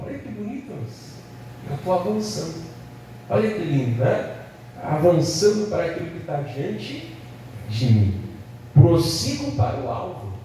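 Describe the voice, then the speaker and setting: A man's voice: mid-range voice, warm tone. A man preaching a sermon as pastor, often asking the congregation "amém?" and "né?". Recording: very echoey hall, distant mic, faint room noise.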